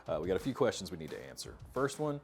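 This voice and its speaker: Soft background music plays as a fast-talking American host in his thirties delivers his product tech talk in a low, sing-song voice with vocal fry and a breathy edge. He explains things casually to camera from an indoor workshop studio with metal cabinets.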